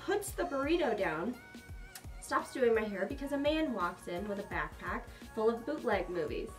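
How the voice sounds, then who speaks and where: A young woman vlogger casually telling a personal story, chatty and animated, with sarcastic asides. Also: a little high, normal speed, distant mic, soft background music.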